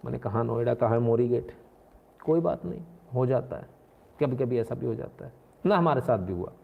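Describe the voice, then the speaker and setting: A man's voice: medium pitch, lively intonation, moderate pace, creaky. A man hosting a live stream, giving combative, mocking political commentary. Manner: combative and mocking, slips into acted voices. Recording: tinny phone-like sound.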